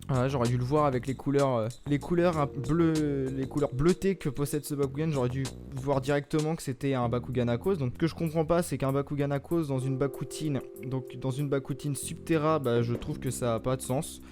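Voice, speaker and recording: A man's voice: medium pitch, steady tone, fairly quick, few pauses, music in the background. A man hosting a casual unboxing video at home, chatty and often hesitating with fillers. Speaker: YouTube host. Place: home set in front of a green screen.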